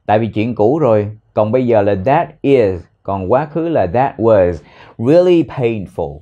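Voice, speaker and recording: A man with a Vietnamese accent teaching an English lesson, repeating words slowly to drill pronunciation. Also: lowish voice, expressive, highs cut off. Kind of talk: language lesson explaining phrases.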